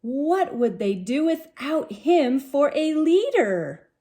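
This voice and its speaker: A woman reads a storybook aloud to young children in a high, expressive voice. She takes her time, adding sing-song touches to the telling.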